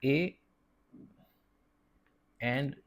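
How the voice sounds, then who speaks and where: Gravelly-voiced man teaching math. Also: medium pitch. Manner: explains step by step, often checks with "thik hai", "hai na"; counts slowly while drawing. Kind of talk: casual whiteboard math lesson.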